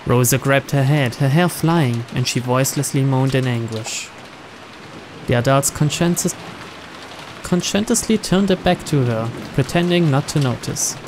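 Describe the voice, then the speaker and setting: A man reads visual novel narration aloud at a moderate pace in a mid-range voice, acting as a let's-play narrator. Noticeable rain noise sits behind him, mixed with game ambience.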